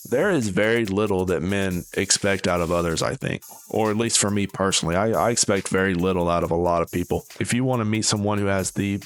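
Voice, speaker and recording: Sardonic and dismissive, this reaction-video host offers casual, opinionated commentary in a low, fairly bright voice. Music runs in the background.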